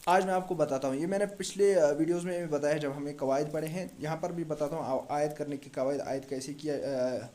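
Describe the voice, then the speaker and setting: A man's voice: a little high, brisk, hardly any pauses, warm tone. Patient man teaching Quran recitation. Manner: patient, repeats letters and asks the class questions. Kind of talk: step-by-step tajweed lesson.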